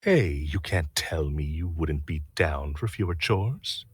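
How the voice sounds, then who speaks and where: Very deep and husky, this man's animated voice moves at a slow pace with no echo. As an ASMR voice actor running through a script, he gives soft, flirty line readings into a close mic, mixed with casual chat between takes.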